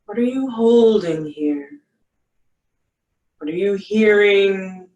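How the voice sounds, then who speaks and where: A soothing yoga-teacher voice leading a guided meditation at an extremely slow pace, with long pauses between phrases. The pitch sits in a middle range, and the sound is roomy and set back from the microphone. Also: lively intonation, darkish tone, dull audio. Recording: echoey room, distant from mic.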